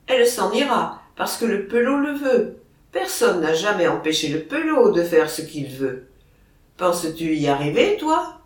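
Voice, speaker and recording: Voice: medium pitch, very animated, a little slow. A reader doing a boastful mocking horse. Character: proud scornful male horse. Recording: roomy, distant mic.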